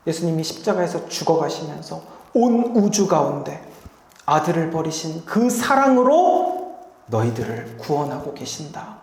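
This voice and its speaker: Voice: medium pitch, a little mellow. A pastor giving a Sunday sermon in a church sanctuary, telling it like a story and leading the congregation in reading together. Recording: echoey hall with long reverb.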